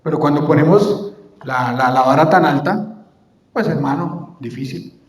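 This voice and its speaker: Predicador de voz aguda en una sala con mucho eco. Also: male voice, a little high, a little slow. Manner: asks the congregation questions and answers them himself. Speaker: preacher. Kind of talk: sermon. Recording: echoey church hall with long reverb.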